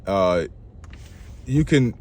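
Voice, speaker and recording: A man's voice: on the low side, drawn-out words. A man casually retelling a myth in slangy, rambling talk, often correcting himself. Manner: slangy, self-interrupting, lively. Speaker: astrology channel host.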